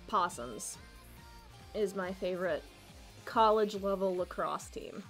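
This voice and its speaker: A young woman livestreamer answering viewer questions in a casual, rambling chat, often giggling and cutting herself off mid-sentence. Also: mid-range voice. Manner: rambling, giggly, self-interrupting.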